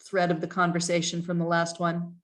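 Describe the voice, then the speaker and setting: A woman with a notably low voice works through planning regulations in a meeting, reading clauses aloud and stopping to puzzle over them. She hesitates, restarts and fills pauses, and comes through a video call. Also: monotone. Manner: thoughtful and hesitant, many fillers and restarts. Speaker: town planning staff leading a commission review.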